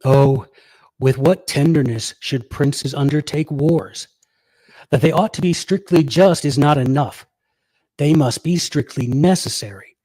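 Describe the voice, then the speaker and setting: A man reading an old essay aloud in a formal, measured way. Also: on the high side, mellow, no room sound, low-quality recording. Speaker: reader.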